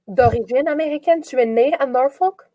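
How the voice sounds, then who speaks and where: A woman from Quebec, Canada acts as an encouraging, reassuring partner in casual question-and-answer conversation practice. Her high-pitched voice has a warm tone and a moderate pace, with no echo.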